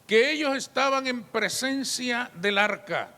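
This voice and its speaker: A man's voice: very high-pitched, lively intonation, unhurried, sharp tone, long reverb tail. A man pastor preaching an emphatic sermon, often turning to address the congregation directly.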